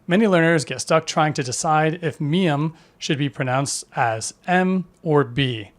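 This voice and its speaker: Man narrating a scripted lesson, slightly high. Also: unhurried. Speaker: language teacher.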